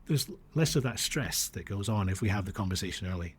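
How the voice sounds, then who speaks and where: As a guest on a podcast, a man born in Australia who grew up in the US and Dubai shares anecdotes thoughtfully and hesitantly. His fairly low voice has a breathy edge and lively intonation, moving at a fairly quick clip.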